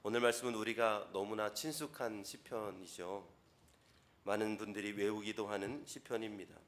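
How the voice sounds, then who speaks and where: A man's voice: fairly low pitch, fairly even intonation, normal speed, fairly bright tone. Male pastor preaching conversationally. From Chungcheong Province. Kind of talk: sermon.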